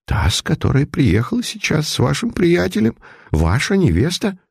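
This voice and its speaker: A frightened elderly priest, acted by a man, his voice raised and quavering with fear. He stammers and clings to old-fashioned politeness, with a gravelly edge on a close, dry recording. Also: on the high side, wildly swooping pitch, moderate pace, a little mellow, no room sound, pitched above the performer's own voice, exaggerated voice. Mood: trembling confusion. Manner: trembling, stammering, deferential.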